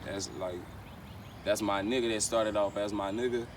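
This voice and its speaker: A young rapper's interview is casual and full of street slang, and he rambles, repeats phrases, and often says "you know what I'm saying." His voice is on the low side with flat delivery at a moderate pace, and a distant mic captures clear traffic noise outside.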